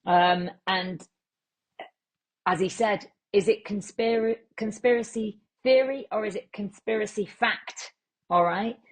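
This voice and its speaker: A woman with a Lancashire accent hosting a comic podcast, rambling through absurd deadpan asides and calling listeners treasure. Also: mid-range voice, a little slow. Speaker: podcast host.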